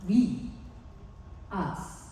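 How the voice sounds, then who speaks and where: With drawn-out words and a mellow voice, a psychologist with a Korean accent explains things earnestly to parents at a seminar, acting out examples as she goes. She's recorded from a distance in a large, echoey conference hall, with a little hiss or hum.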